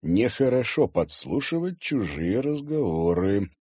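A man's voice: lowish voice, sing-song, measured pace, warm tone, slightly rough, no echo, clean studio sound, heavily acted. A man voicing a stern middle-aged sheriff in an audiobook, speaking in a serious, grumbling, curt way. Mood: reproving.

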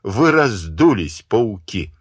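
A man's voice: lowish voice, sing-song, takes it slowly, breathy edge, no echo, studio quality, full character voice. A man voicing a furious scornful young woman. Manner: shouting scornful accusations. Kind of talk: audiobook character voice.

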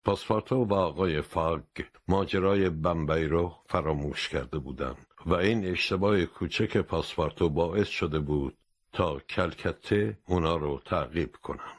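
Very deep-voiced male audiobook narrator. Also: dry recording, studio quality. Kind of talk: scripted storybook narration.

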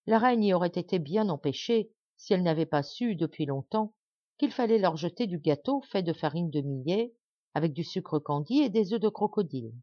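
A woman narrating a fairy tale as an audiobook reader, in an expressive, animated way. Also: fairly low pitch, moderate pace, no echo, dull audio. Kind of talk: scripted storybook narration.

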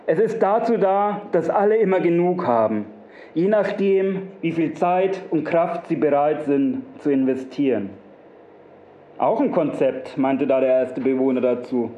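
A man tells a satirical fairy tale in a playful, wordy manner full of repetition. His voice sits fairly high. The recording is lo-fi and muffled, with a roomy echo around it. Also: moderate pace. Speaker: storyteller.

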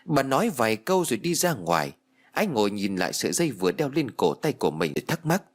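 A man narrating a ghost story audiobook with expressive storytelling. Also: medium pitch, fast talker.

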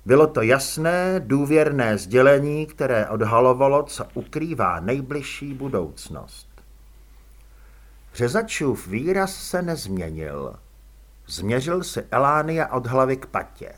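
A man narrating an audiobook in an expressive, dramatic storytelling manner. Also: medium pitch.

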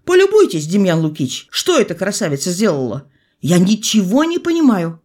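A woman reading an audiobook and voicing a young male country doctor who speaks excitedly. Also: medium pitch, moderate pace. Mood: agitated. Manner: excited, exclaiming.

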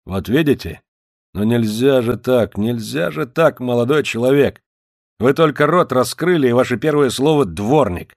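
A man's voice: medium pitch, animated, moderate pace, dry recording, clean studio sound, voice pushed up, lightly acted. A man voicing a bullying, suspicious Cossack officer who barks commands and interrogates in an audiobook. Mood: interrogating. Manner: barking commands, harsh and interrogating.

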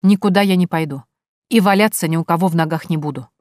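A woman reading an audiobook, voicing a calm, firm young pregnant woman who speaks in a cold, measured way. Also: on the low side, no echo, studio quality, natural voice.

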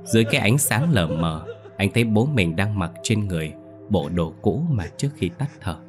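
A man narrating a horror story in a measured, somber storytelling manner. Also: fairly low pitch, lively intonation, soft background music.

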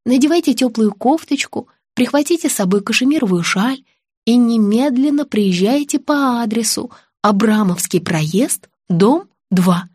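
A woman's voice: a little high, unhurried, a little mellow, husky, no room sound, studio quality. A woman reading an audiobook, voicing a female dentist who coos endearments while insisting firmly. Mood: cooing. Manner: cooing, insistent. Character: dentist woman, adult, sugary and pushy.

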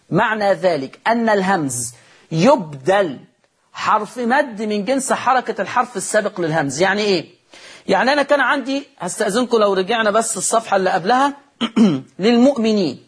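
A man with an Egyptian accent teaching Quran recitation rules. He asks the class questions and answers them himself, and he says each word slowly as a model. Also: sits high, breathy edge. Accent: Egyptian Arabic.

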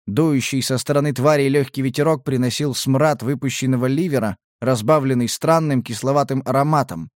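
A man narrates a first-person audiobook in a tense, dramatic way, at a middle pitch. The recording is close and dry, with no room sound. It is a plain studio reading. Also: a little fast, hardly any pauses, no echo.

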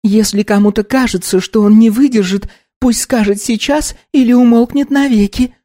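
A man's voice: very high-pitched, moderate pace, pitched above the performer's own voice. A man reading an audiobook, voicing a bubbly, teasing young woman blogger in a raised voice. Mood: joking. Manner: teasing, excitable. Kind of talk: audiobook character voice.

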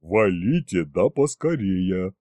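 A rough, blunt male dragon grumbles in a lowered, growling voice, played by a man reading an audiobook. The tone is warm and dark. The sound is close and dry. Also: very animated, a little slow, dry recording. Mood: grumbling. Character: gruff grumbling male three-headed dragon.

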